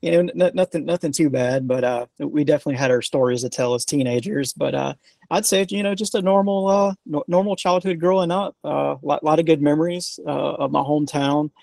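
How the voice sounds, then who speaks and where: A man, a retired Army sergeant, rambles through a story with plenty of fillers and restarts. His voice is a touch higher than most men's and has a gravelly edge. The sound is dry and close, with no room around it. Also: brisk, a little mellow, no echo. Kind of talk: casual storytelling interview.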